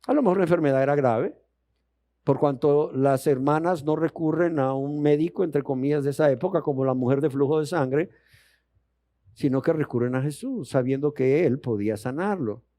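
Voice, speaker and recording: A man's voice: fairly high pitch, moderate pace, mellow, dry recording, clean studio sound. A man with a Colombian Spanish accent teaching a sermon, asking the audience questions and acting out dialogue. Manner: emphatic, rising questions to the audience, acts out dialogue. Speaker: Bible teacher.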